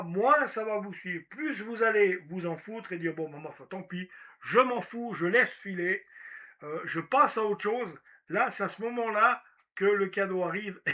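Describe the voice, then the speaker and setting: A man talks casually about personal development in a high, very bright voice. He acts out little inner monologues and speaks in an animated way. His speech is full of fillers. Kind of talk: casual motivational talk.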